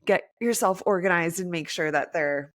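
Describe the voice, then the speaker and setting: A woman in her thirties co-hosting a podcast, chatting casually in a raspy, hoarse voice from a head cold. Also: on the low side, moderate pace, fairly bright tone, no room sound, studio quality. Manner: chatty, upbeat, rambling. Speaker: podcast co-host. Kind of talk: casual chat.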